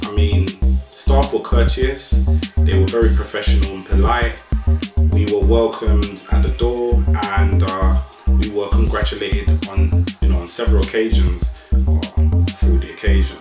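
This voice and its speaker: A man's voice: fairly low pitch, fairly even intonation, measured pace, echoey room, loud music behind the voice. A man, reviewing a restaurant in an enthusiastic, chatty vlog and giving scores out of five. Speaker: food vlogger. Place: restaurant and home room.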